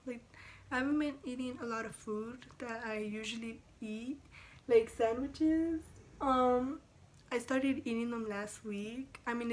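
A woman's voice: a little high, a little hiss or hum. A young woman in her teens, speaking with braces, chatting casually as a vlogger at home, rambling with lots of fillers, self-corrections and casual swearing. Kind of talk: casual vlog chat.

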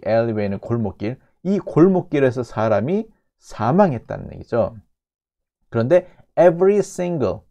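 A man walks students through a news clip, his voice gravelly and dark. He takes his time, repeating each English phrase and pulling it apart for meaning. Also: on the high side, highs cut off. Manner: repeats English phrases slowly and breaks them down. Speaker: English teacher. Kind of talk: lecture explaining a news clip.

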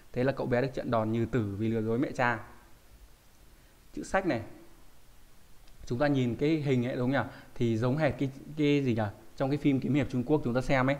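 Male kanji teacher, explanatory online-lesson delivery with frequent check-in questions. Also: mid-range voice.

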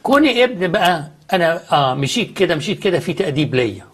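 A man's voice: fairly high pitch, sing-song, fast talker, slightly rough. A man with an Egyptian accent, a studio guest explaining faith earnestly and answering his own questions.

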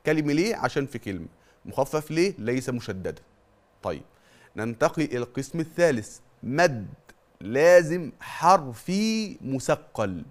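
A man's voice: medium pitch, sing-song, moderate pace. A middle-aged man with an Egyptian accent teaching a televised Quran tajweed lesson. He drills terms by question and answer and stretches out long vowels to demonstrate them. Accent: Egyptian Arabic.

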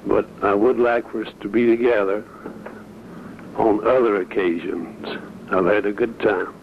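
A man's voice: on the low side, fairly even intonation, narrow, tinny audio, slight background noise. An older man giving a plain, heartfelt greeting on an old wire recording. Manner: plain, slow, heartfelt thanks. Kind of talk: spoken greeting on a home recording.

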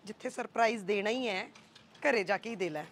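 A woman's voice: mid-range voice, brisk, slight background noise, close to an everyday voice. An actress playing a chatty young woman teasing her cousin about an unanswered phone.

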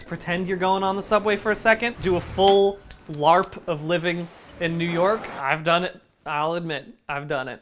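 A man's voice: a little high, a bit bright. A man hosting a comedic cooking demo in his home kitchen, joking and mocking himself as he cooks. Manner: playful, jokey, self-mocking. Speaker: cooking video host.

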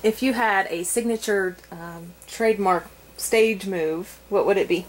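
A woman's voice: medium pitch, a little slow, a little hiss or hum, poor audio. A woman behind the camera directing a casual home video shoot, coaxing and amused as she gives cues. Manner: amused, coaxing, often laughing while giving cues. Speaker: parent filming behind the camera.

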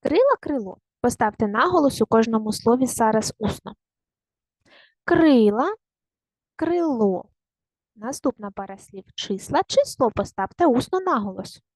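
A woman teaching a primary school language lesson online, speaking slowly and carefully and repeating words to show their stress. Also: a little high, lively intonation, slightly rough, no room sound.

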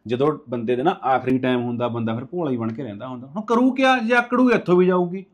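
A man's voice: mid-range voice, animated, quick pace, muffled recording, lightly acted. A man playing a stern husband who lectures his wife insistently.

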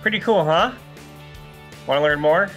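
Bright, upbeat man teaching kids art. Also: a little high, normal speed, soft background music. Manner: upbeat, enthusiastic, talks to children. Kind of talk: online art lesson for young kids. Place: virtual classroom backdrop, indoors.

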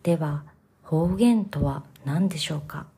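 Slow, breathy woman teaching Japanese. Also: deep voice. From Kansai, Japan. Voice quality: breathy, soft-spoken. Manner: slow and carefully enunciated, gently explaining. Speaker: podcast host and Japanese teacher. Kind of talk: slow, clear Japanese lesson for learners.

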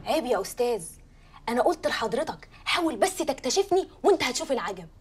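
An eager Egyptian cub reporter. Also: female voice, sits high, very animated, fast talker, breathy edge, exaggerated voice. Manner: eager, self-assured, chatty on the phone. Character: eager young female reporter on the phone. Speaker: young journalist. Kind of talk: TV drama acting.

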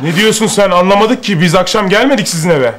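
An actor playing a rough young street guy who protests in slang. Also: sits high, quick pace, noisy background, natural voice. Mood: protesting.

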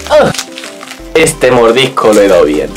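A man's voice: medium pitch, very animated, a little slow, soft background music. A man with a Spanish accent from Spain, chatting playfully and exclamatorily as a makeup vlogger unboxing a palette. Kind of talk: casual unboxing chat.

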